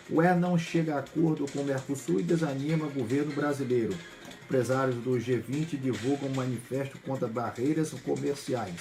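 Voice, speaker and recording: A man with a Brazilian accent, hosting a news program and reading a run of headlines in a brisk delivery with occasional slips. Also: medium pitch, a little mellow. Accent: Brazilian Portuguese. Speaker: news host.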